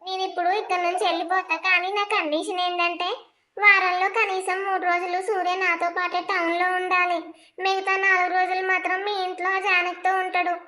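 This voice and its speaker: A woman's voice: extremely high pitch, little pitch movement, fairly quick, bright, forceful tone. A woman voicing a scheming young mistress. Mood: demanding. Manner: cold, taunting, giving orders. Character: scheming young female mistress, bossy and demanding. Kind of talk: cartoon voice acting.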